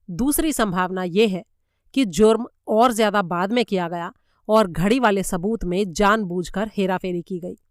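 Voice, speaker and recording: A cool-headed male detective, as a woman narrator puts him on, lays out his reasoning step by step. His delivery is measured and even. The voice is smooth, close and dry. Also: medium pitch, no room sound, natural voice. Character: Hercule Poirot, calm methodical male detective.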